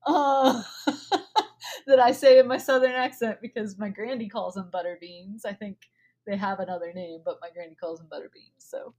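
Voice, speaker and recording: A woman's voice: mid-range voice, steady tone, fairly quick, a little mellow. A young woman chatting casually on a podcast as a guest, laughing often and using lots of fillers.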